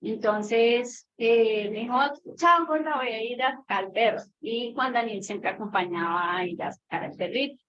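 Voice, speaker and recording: A mother tells a long story about her child and asks a question in casual talk, using many fillers. Her voice is on the high side, at normal speed with few pauses, and the lo-fi recording sounds dull with faint noise.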